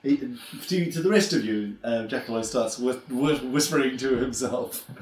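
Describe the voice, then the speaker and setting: A man's voice: medium pitch, moderate pace, a little hiss or hum. Hesitant male game master in a roomy space. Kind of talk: casual tabletop game narration. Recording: roomy echo, distant microphone.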